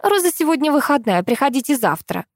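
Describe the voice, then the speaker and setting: A woman's voice: sits high, big pitch swings, a little fast, no room sound, studio quality, pitched above the performer's own voice. Woman voicing a bossy kindergarten teacher. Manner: lecturing, matter-of-fact. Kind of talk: audiobook character voice.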